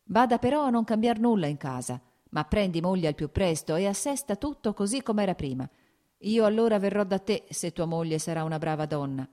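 A woman voicing a drunken, bitter older man who gets excited and jumps from topic to topic, in an audiobook. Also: medium pitch, fairly quick, voice pushed up, natural voice. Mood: eager. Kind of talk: audiobook character voice.

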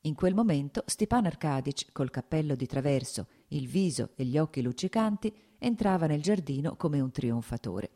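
Low-voiced woman reading a novel. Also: expressive, normal speed, few pauses, warm tone. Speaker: audiobook narrator. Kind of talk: scripted novel narration.

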